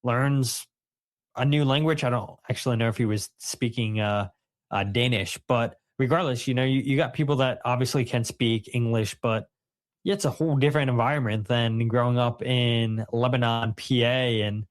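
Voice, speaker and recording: A man's voice: medium pitch, moderate pace. A man from the co-hosting a casual sports podcast, rambling and correcting himself as he reads out listener comments. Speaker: podcast co-host.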